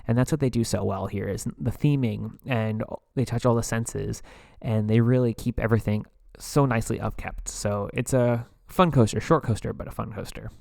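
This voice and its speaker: A man's voice: medium pitch, vocal fry, darkish tone, no echo, studio quality. A man hosting a podcast, chatting casually in a rambling way as he reviews theme park rides, with frequent filler words and asides. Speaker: podcast host.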